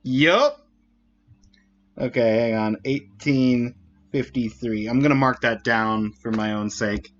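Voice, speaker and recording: A man's voice: mid-range voice, slow, lo-fi sound. A man streaming a puzzle game, chatting casually in a rambling way and often correcting himself. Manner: rambling, with frequent restarts and self-corrections. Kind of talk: casual commentary while playing.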